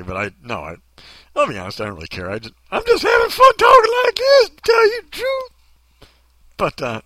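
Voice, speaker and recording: A man's voice: fairly low pitch, sharp tone, slightly rough, no echo. A man hosting a podcast in casual commentary, joking and self-mocking. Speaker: podcast host.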